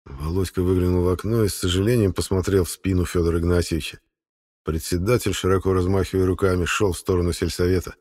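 A man narrating an audiobook in steady first-person storytelling. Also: sits low, fast talker. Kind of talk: scripted narration.

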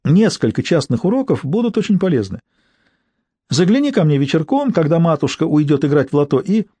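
A man's voice: a little high, very animated, fairly quick, dark tone, slightly rough, no room sound, voice pushed up. A man reading an audiobook, voicing a lecherous man who talks in an insinuating, pushy way.

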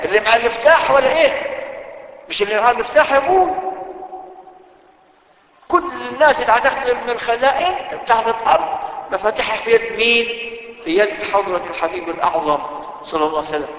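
A man with an Egyptian accent delivers a lively sermon, keeps asking his listeners questions, in a high-pitched voice. The sound rings through a large hall with a long reverb tail. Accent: Egyptian Arabic. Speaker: preacher.

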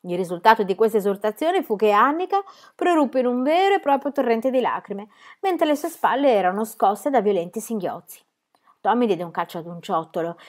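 A woman reading a children's storybook aloud in a calm, expressive narrating voice. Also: mid-range voice. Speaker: reader.

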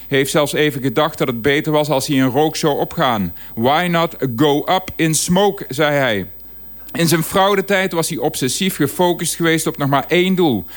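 Male radio columnist with a slightly raised pitch, reading his own column in a deadpan, wry tone. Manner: dry, ironic storytelling.

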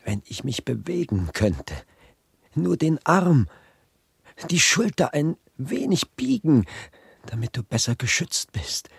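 An actor playing a gentle, sorrowful male prince statue in a radio play, speaking slowly and tenderly with a husky, gravelly voice. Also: a little high, very animated, no echo, full character voice. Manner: slow, tender and earnest.

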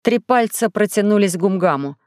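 A woman narrating a children's audiobook in a clear, even reading voice into a studio microphone. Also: medium pitch, brisk, no room sound. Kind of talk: scripted storybook narration.

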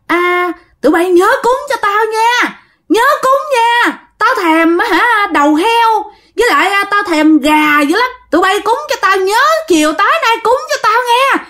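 A woman with a Southern Vietnamese accent voicing a bitter, vengeful female ghost who scolds in a raised, shrill voice. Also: animated, unhurried, pushed and bright, heavily acted. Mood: menacing.

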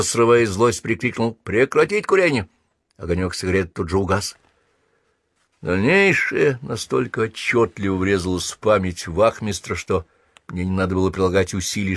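A man reading a first-person story aloud as an audiobook narrator, measured and even. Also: lowish voice, no room sound.

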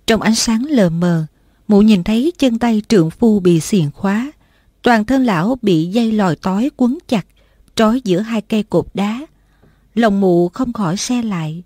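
A woman's voice: medium pitch, animated, unhurried, warm tone, no echo, studio quality. Woman narrating a martial arts audiobook. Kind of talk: scripted story narration.

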